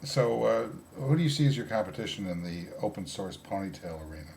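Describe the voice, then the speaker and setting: A male interviewer with a very low, deep voice. He pauses and hesitates a lot, filling the gaps with halting fillers. He keeps a dry, patient tone in a comedy sketch interview. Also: lively intonation, gravelly, darkish tone.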